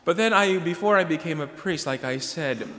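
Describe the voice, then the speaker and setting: Priest preaching in a cathedral echo. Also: male voice, on the high side, expressive, moderate pace, background noise. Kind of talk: sermon and scripture reading at Mass. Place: large church, indoors. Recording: cathedral-like echo, long church reverb.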